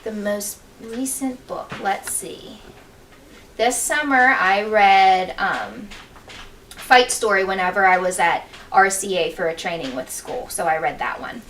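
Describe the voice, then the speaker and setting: A woman with a bright, forward voice at a middle pitch answers questions in a school-style interview. She speaks encouragingly in simple words and often repeats the question first. The mic is a little distant, with faint noise behind her. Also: lively intonation, unhurried. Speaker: school staff member being interviewed.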